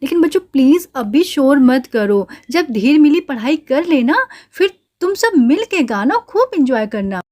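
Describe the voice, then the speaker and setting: A woman's voice: sits high, very animated, measured pace, few pauses, darkish tone. A woman voicing a strict but kind mother doll in a doll play story, talking in a firm, scolding way. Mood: coaxing.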